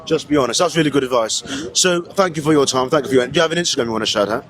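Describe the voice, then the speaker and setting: A man interviewing a stranger on a city street in a put-on London accent, quick and slangy. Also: medium pitch. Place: busy city street, outdoors. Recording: street crowd behind.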